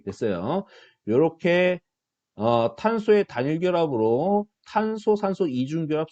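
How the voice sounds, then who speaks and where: A middle-aged male professor talks through a recorded biology lecture with a lively voice that rises and dips from phrase to phrase. He poses questions to his students and answers them himself. The sound is dry and slightly dull, close to the mic with no room echo. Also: medium pitch. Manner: animated, self-deprecating asides, asks students questions and answers himself.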